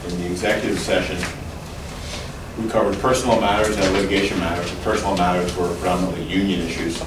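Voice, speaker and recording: A man giving a formal solicitor's report to a board in a measured, matter-of-fact way. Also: sits low, fairly even intonation, distant mic. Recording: noisy, echoey room from afar.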